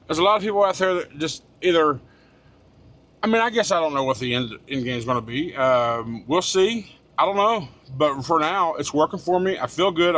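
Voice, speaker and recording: A middle-aged man vlogging from inside his truck cab, talking to the camera in a loose, rambling way. His voice sits a bit higher than most men's, and he trips over restarts and fillers. He is blunt and swears casually. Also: fairly bright tone. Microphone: small handheld camera.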